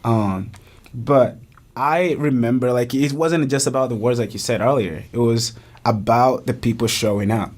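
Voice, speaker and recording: A young man from Uganda, a college soccer player, tells his story earnestly on a casual podcast, frequently restarting his sentences. His voice is medium-pitched with a darkish tone, at a normal speed.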